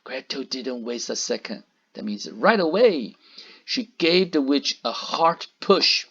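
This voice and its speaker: A man's voice: mid-range voice, very animated, slow pace, creaky, a bit bright, breathy edge. A man reading a storybook aloud for children, stopping to explain words and point at the pictures. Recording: dull lo-fi recording.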